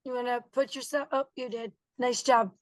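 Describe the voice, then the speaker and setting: A woman teacher with a hoarse, spooky voice recovering from voice loss, encouraging children in an interactive online class. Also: on the high side, little pitch movement, normal speed, no room sound. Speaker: teacher leading social emotional learning.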